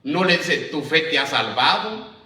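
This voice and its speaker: Male minister preaching, high voice, piercing tone, echoey church, distant mic. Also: very animated, measured pace, sharp tone. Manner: addresses listeners as "hermano", asks "¿verdad?". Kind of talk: sermon with Bible reading. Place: church congregation.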